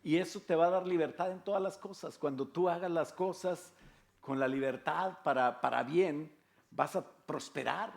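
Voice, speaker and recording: Gravelly older Mexican pastor preaching. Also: male voice, a little high, darkish tone. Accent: Mexican Spanish. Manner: conversational preaching with rhetorical questions and jokes. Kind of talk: sermon. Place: church.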